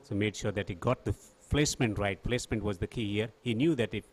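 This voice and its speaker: A man's voice: on the low side, fast talker, breathy edge. A man giving live cricket commentary and analysis as a co-commentator.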